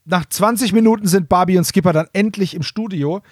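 A man with a high voice co-hosts a podcast, talking a little fast as he casually and humorously recaps an audio drama, colloquial and jokey, with short mock quotes slipped in. The recording is dry and studio quality.

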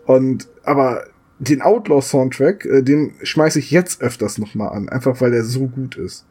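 A man's voice: mid-range voice, unhurried, warm tone, slightly rough. A man chatting casually as a podcast co-host, telling stories with amusement. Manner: chatty storyteller, retells jokes with amusement. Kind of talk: casual chat.

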